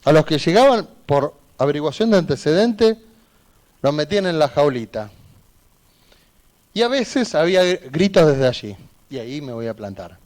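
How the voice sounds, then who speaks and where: A man's voice: on the high side, sing-song, moderate pace, long pauses, a little mellow. A man, a defense lawyer giving an emphatic, argumentative closing argument in a courtroom, repeating points for emphasis.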